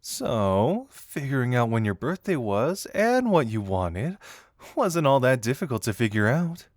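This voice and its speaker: Man acting Dazai, a teasing, lively flirt. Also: medium pitch, dry recording, studio quality. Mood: coy, confiding. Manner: teasing, theatrical, drawn-out words. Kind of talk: intimate roleplay audio acting.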